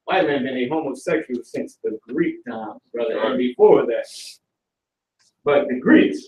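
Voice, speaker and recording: A young man teaches a live class in a warm, animated voice of medium pitch, keeping a measured pace. He speaks in loose, profane street language and presses his students with questions. The indoor classroom has a stage and banners, and the recording is echoey, with his voice picked up from a distance.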